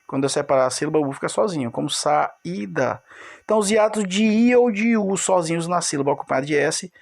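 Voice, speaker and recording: A man's voice: fairly high pitch, vocal fry. A man teaching a recorded video lesson, explaining step by step, repeating key words and addressing his students directly.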